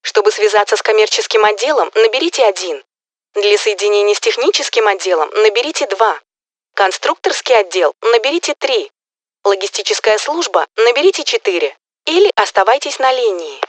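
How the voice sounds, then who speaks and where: A woman's voice: medium pitch, expressive, fairly quick, dry recording. Woman's polite, formal customer service voice. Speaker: recorded phone system announcer. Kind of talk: scripted phone greeting announcements.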